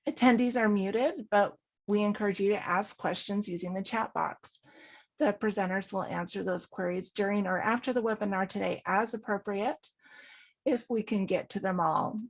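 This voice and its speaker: A woman's voice: mid-range voice, normal speed. A woman hosting a webinar, reading formal legal housekeeping and a guest introduction from a script, with a few slips and restarts. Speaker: webinar director and host.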